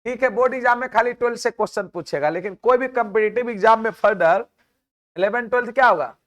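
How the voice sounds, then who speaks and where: A man with a noticeably high voice and a Bihari Hindi accent teaches a math class. He talks in a chatty way, scolds his students and keeps asking rhetorical questions. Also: fast talker, a bit bright. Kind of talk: classroom lecture with side talk.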